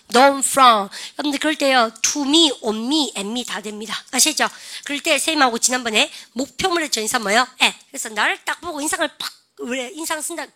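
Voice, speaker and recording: Bright-voiced woman teaching English. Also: a little high. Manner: animated, repeatedly addresses the class and drills phrases aloud. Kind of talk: classroom lecture.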